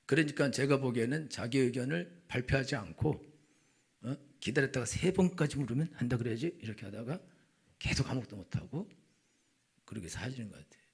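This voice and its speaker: Gravelly, husky male pastor preaching. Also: mid-range voice. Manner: anecdotal, conversational preaching, acting out quoted dialogue. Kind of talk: sermon.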